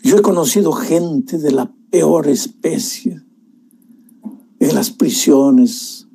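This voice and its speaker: Man, preacher, sermon, slow and emotional, fairly high voice. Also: vocal fry, husky. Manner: emotional storytelling, addresses listener warmly as dear one.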